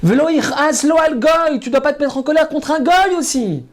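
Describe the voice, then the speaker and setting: A man with a notably high voice delivers a fervent sermon as a rabbi. He repeats his phrases for emphasis and calls out often to his audience. His delivery sweeps from loud, soaring exclamations down to low, murmured asides. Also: expressive, normal speed. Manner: emphatic and repetitive, often calling out to listeners. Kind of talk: impassioned sermon.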